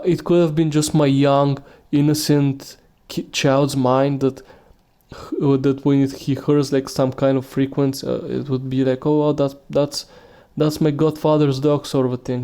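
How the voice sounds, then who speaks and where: A man's voice: medium pitch, monotone, normal speed, dark tone, clean tone. A man hosting a solo podcast, talking casually and rambling with many restarts and fillers. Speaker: podcast host.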